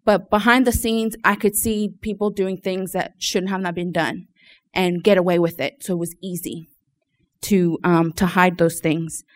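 A woman with a fairly low voice shares an informal personal testimony with a group. She is from Louisiana and speaks hesitantly, often pausing to search for words. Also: steady tone. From Louisiana, United States. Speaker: church member giving testimony.

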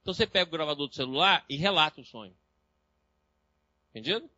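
Teaching a live class, this Brazilian Portuguese-accented lecturer talks quickly in a bright, high voice. Along the way he spins lively stories and imitates the voices of his patients. The sound is dry and slightly dull.

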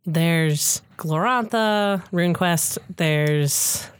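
A woman co-hosting a casual podcast, talking in lively quick bursts. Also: lowish voice, clear, resonant tone, dry recording, studio quality. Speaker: podcast co-host.

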